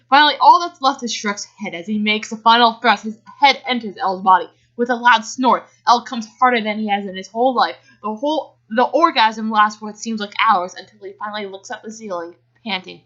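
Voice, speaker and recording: Speaking a little high and fairly quickly with few pauses, a woman reads fan fiction in an amateur dramatic way, her tone fairly bright. She giggles, drops in casual asides and keeps interrupting herself to react, all captured on a dull, lo-fi home recording.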